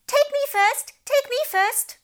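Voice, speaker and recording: A woman's voice: very high voice, slow pace, voice pushed up. A woman voicing a crowd of panicked little fish who wail frantically. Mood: frantic. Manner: wailing, frantic.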